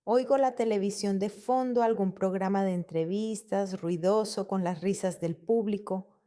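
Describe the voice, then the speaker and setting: A woman reading a first-person family story as narrator, in a calm, measured storytelling manner. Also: mid-range voice.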